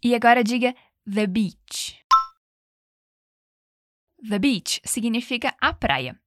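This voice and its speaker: A woman teaching English in a bilingual lesson, giving clear encouraging repeat-after-me drills and slowing down to model pronunciation. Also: fairly high pitch, no echo, clean studio sound.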